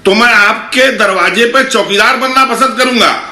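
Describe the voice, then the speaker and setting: A man on a TV panel arguing combatively, rapid-fire and talking over the others. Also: very high voice, pushed and bright, reverberant. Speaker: political panelist. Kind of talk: heated TV debate.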